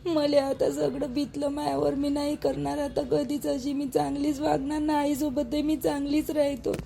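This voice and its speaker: A tearful pleading young wife. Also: female voice, high-pitched, flat delivery, moderate pace, vocal fry, mellow, faint music behind. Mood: earnest. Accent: Marathi, Vidarbha dialect. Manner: pleading, apologetic. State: crying. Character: tearful young daughter-in-law pleading with husband.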